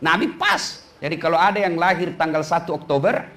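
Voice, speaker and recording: Male preacher, middle-aged, raised pitch; comic sermon, teasing delivery, slow sung quotes. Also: very animated, a bit bright. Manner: joking, teasing the audience. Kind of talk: humorous sermon to women.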